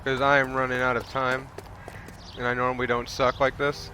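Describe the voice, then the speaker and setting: A man's voice: medium pitch, completely flat delivery, moderate pace, sharp tone, slight background noise. A man giving casual commentary as he streams a game.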